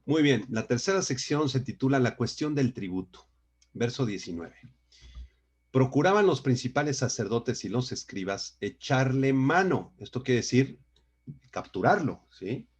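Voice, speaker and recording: Man, pastor, husky voice, emphatic Bible lecture, video call, checks in with listeners. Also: mid-range voice, very animated, measured pace. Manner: emphatic, frequent rhetorical "¿sí?" checks. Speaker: pastor teaching a Bible class.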